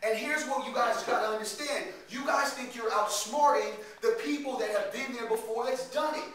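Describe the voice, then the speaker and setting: Workshop speaker, a man, storytelling to youth, in a boomy echoey room. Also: moderate pace. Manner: animated, slangy storytelling with laughs. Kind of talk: storytelling talk to young people. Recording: echoey room, distant mic.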